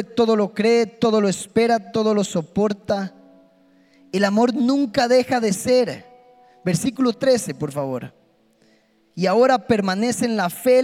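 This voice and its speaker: A man preaching an impassioned, emphatic sermon in a church, swinging between soft and loud. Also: sits high. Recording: long hall reverb with faint music.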